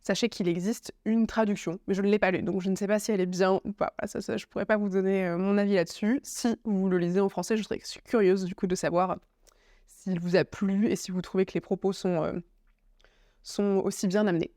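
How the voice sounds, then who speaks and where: A woman's voice: mid-range voice, fairly even intonation, brisk, dark tone, no room sound, studio quality. A woman with a French accent talking to camera in her home office, chatty and full of fillers and restarts. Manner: chatty, many fillers and restarts, playful asides. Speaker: YouTuber presenting a book review. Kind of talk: casual talking-to-camera vlog. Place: home office with bookshelf, indoors. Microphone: camera facing her, laptop notes in front.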